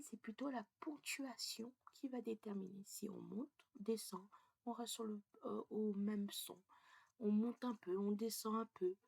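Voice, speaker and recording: A woman teaches French pronunciation in a slow, deliberate way, checking in often with her students. Her voice is gravelly and husky, and she slips into a breathy half-whisper now and then. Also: medium pitch, a little mellow. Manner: explains step by step, checks in with "ok?". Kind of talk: casual lesson.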